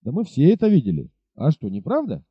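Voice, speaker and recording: A man reading aloud, voicing a burly village innkeeper who gives advice in a folksy, unhurried way. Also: fairly high pitch, wildly swooping pitch, husky, no room sound, exaggerated voice. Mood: unruffled. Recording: dull lo-fi recording.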